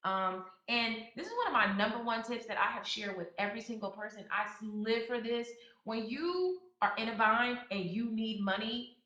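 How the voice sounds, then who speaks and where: A woman in her thirties hosts a podcast in a bright, forceful voice on the high side, at a moderate pace. She talks casually with fillers and restarts and becomes emphatic when giving advice. The recording sounds echoey and slightly dull.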